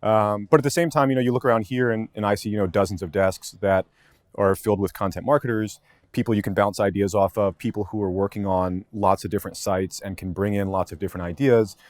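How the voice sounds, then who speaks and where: A man talks quickly in a fairly low voice, working through his thoughts as he goes with frequent restarts and hedges. He is a podcast guest speaking casually from an office, and the sound is dry and close with no room echo. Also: fairly even intonation. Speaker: content marketing lead, podcast guest. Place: office with many desks.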